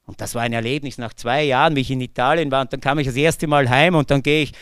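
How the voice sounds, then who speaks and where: A man with an Austrian accent giving an earnest personal testimony, his voice swinging between loud emphasis and hushed low tones. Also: fairly even intonation, fast talker, smooth, no room sound, clean studio sound. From Bucklige Welt, Lower Austria. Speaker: speaker from a faith-based recovery community. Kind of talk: personal testimony talk to an audience.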